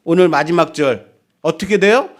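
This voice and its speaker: A man's voice: fairly high pitch, moderate pace. A male pastor preaching a sermon, asking the congregation rhetorical questions and acting out quoted speech. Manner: animated, acts out quoted speech.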